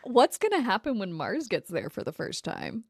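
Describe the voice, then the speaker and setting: Gravelly-voiced woman co-hosting a podcast. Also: medium pitch, wildly swooping pitch, moderate pace, no echo, studio quality. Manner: laughs often, reads aloud then chats. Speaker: podcast co-host. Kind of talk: casual chat and reading tarot card meanings. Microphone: remote call recording.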